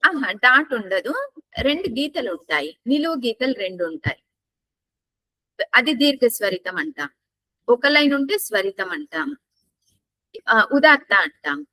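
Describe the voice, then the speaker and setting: A woman teaching a class, who chants verses slowly, repeats each line, then explains the tone marks in plain speech. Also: fairly high pitch, sing-song, pushed and bright, dry recording. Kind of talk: class on reciting a scripture with its commentary.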